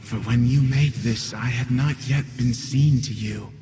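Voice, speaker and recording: A man voicing an ancient, menacing death-spirit creature in a hissing, whispery, slow and coaxing voice. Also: mid-range voice, steady tone, natural voice.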